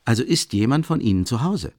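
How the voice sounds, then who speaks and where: A man voicing an eager, excitable young man who talks quickly and insistently in an audiobook. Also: mid-range voice, dry recording, clean studio sound, voice pushed up, close to an everyday voice. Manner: urgent, quick, insistent reasoning.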